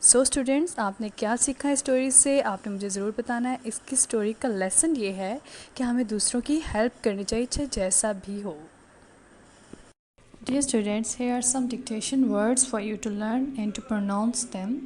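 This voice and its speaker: Woman teacher, somewhat high voice, very slow patient delivery, faint background hiss; online class lecture. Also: dark tone. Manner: slow, explains each word patiently.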